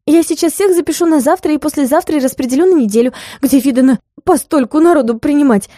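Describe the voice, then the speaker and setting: A woman voicing a timid, kind young female assistant in an audiobook, babbling softly. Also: fast, no echo, clean studio sound, close to an everyday voice. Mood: sympathetic. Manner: high, soft, sympathetic babbling.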